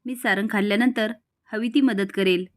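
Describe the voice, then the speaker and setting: A woman's voice: medium pitch, fairly even intonation, moderate pace, close to an everyday voice. A woman voicing a playful young man who coaxes and wheedles for sweets in a storybook recap. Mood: wheedling. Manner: wheedling, coaxing.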